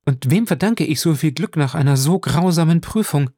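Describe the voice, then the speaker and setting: A man voicing a frantic young noble mother in an audiobook, with a high, breathless, pleading voice. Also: lively intonation, unhurried, darkish tone, dry recording, studio quality. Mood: overjoyed. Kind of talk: audiobook reading.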